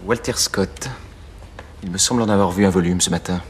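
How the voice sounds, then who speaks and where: A man's voice: sits low, brisk, a little hiss or hum, close to an everyday voice. A man acting an ambitious young male secretary in a period film drama, earnest and heated when he argues. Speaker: young secretary Julien Sorel.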